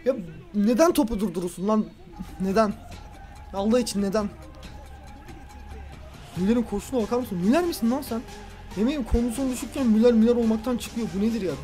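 A man giving let's play commentary on a football video game, ranting at the referee and swinging between loud outbursts and low grumbling. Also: quick pace, pauses often. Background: faint background music.

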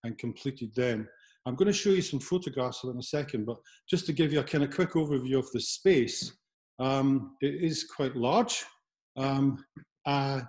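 A Scottish man in his fifties, an artist giving a casual talk over a video call from a large studio, speaking haltingly with many restarts. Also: mid-range voice, a little mellow, low-quality recording. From Scotland. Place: large converted church studio, indoors. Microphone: laptop camera, video call.

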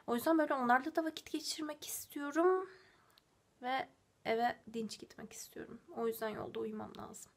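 A woman in her twenties from Turkey with a slightly husky, breathy voice, chatting casually to camera as a vlogger at home. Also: on the high side. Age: 20s. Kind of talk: casual vlog chat to camera. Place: small furnished rooms at home.

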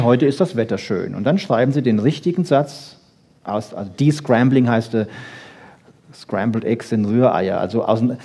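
In a mid-range, mellow voice with a breathy edge, a brain research lecturer gives an animated, informal talk to an audience. He explains conversationally, posing rhetorical questions and making short, emphatic points.

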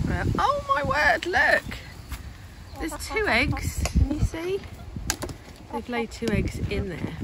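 Chatty woman vlogger, mid pitch, filming outdoors on a phone with clear background noise. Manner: chatty, thinking aloud, excitable with her chickens. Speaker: vlogger showing her home renovation. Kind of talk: casual walk-and-talk vlog. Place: outdoors in a garden building site. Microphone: handheld phone camera.

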